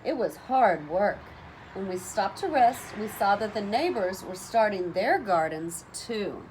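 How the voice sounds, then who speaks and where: A female teacher reads a children's storybook aloud, expressive and animated, with widely varied pitch and deliberate phrasing for young listeners. The audio is poor, with noticeable background noise.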